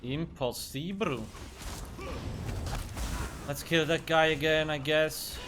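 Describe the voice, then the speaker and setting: A Swiss man whose first language is Swiss German streams a game, offering loose, profane commentary and muttering reactions between chat messages. His voice sits on the high side with a steady tone, he takes his time, and there's noise in the background.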